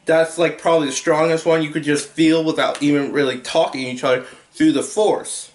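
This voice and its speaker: A man's voice: a little high, little pitch movement, brisk, roomy sound. A young man giving a casual, rambling movie review at home, full of restarts and filler words. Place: home room with a TV.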